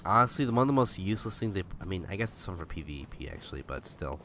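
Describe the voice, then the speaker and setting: A young gameplay streamer gives casual let's-play commentary in a deep, sing-song voice, talking rapid-fire. He muses and trails off mid-thought while loud game sounds play behind him, with a little hiss or hum in the recording.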